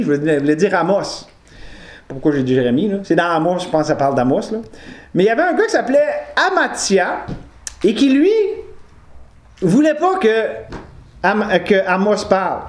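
A man's voice: high-pitched, darkish tone. A man preaching an informal sermon to a congregation, talking in a chatty way, digressing with humor and correcting himself. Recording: roomy echo.

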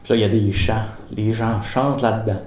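A man with a Quebec French accent telling a personal story casually, animated, often laughing and acting out conversations. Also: lowish voice, a little fast, a crowd in the background. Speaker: guest giving a testimony. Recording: roomy with faint ambience.

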